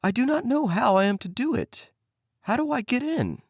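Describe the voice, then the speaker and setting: A man's voice: very high-pitched, sing-song, moderate pace, slightly rough, dry recording, clean studio sound, voice pushed up, full character voice. A man voicing a frightened young girl in a storybook reading. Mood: wary.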